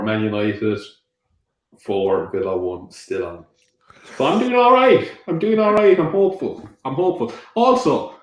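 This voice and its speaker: A young man co-hosting a podcast, chatting casually over a live football match, excitable, laughing and swearing freely. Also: medium pitch. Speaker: podcast co-host. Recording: roomy echo.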